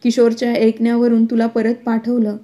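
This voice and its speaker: A woman's voice: on the high side, monotone, moderate pace, mellow, lightly acted. A woman voicing a caring, indulgent middle-aged mother in a storybook reading. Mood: soothing.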